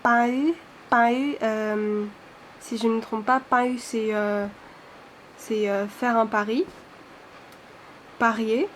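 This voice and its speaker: A woman teaching a language lesson, explaining slowly and carefully with many hesitations and sounding out syllables one by one. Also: on the high side, flat delivery, slight background noise.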